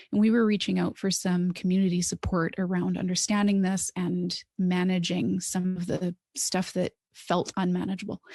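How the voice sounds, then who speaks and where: A woman's voice: medium pitch, creaky, dry recording, studio quality. A middle-aged woman, a counsellor and adoptive mother, telling her story candidly on a podcast, acting out what people said. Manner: earnest, animated storytelling with quoted dialogue.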